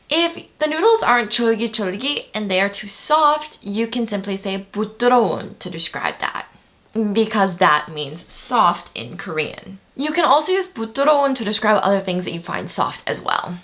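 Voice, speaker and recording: Here a language teacher with a medium-pitched, slightly bright voice addresses her viewers head-on. Her video lesson is chatty and playful, and she refers to the audience as "you guys."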